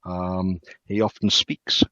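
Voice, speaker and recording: A man with a lowish voice tells ghost stories in a halting way, stumbling over words and filling gaps with ums. The sound is dry and muffled, close and dead, with little brightness. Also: level tone, dry recording. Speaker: castle guide. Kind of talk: casual storytelling.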